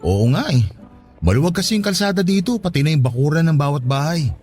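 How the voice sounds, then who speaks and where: In an emotional radio drama, a male actor with a Filipino accent plays an eager, trusting, affectionate older brother from the province, sounding reassuring and hopeful. His fairly high, slightly mellow, everyday-sounding voice is animated and quick, with exclamatory, swooping delivery. Faint music runs under the dialogue.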